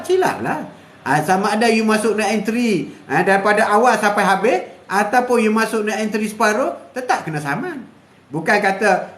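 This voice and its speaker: Chuckling older grandpa preaching. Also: male voice, high voice, fairly bright tone. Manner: preachy and repetitive, chuckling often. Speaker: host. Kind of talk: live stream moral talk. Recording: echoey room.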